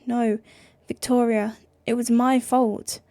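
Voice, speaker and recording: A woman voicing a distraught, apologetic teenage boy in an amateur audiobook reading, her voice breaking between pleading and hushed. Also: a little high, little pitch movement, slow, no echo.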